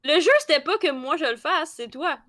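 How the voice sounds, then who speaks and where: Bright, dry Quebec French comedienne. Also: female voice, sits high, brisk, dry recording. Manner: teasing, deadpan prompting. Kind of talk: comedic improv chat.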